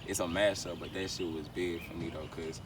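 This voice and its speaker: An R&B singer and rapper from Baton Rouge, Louisiana, speaks in a deep voice with a flat, brisk delivery and a Louisiana accent. Interviewed casually and slangily, he often repeats his phrases, recorded on a distant mic amid loud outdoor street noise.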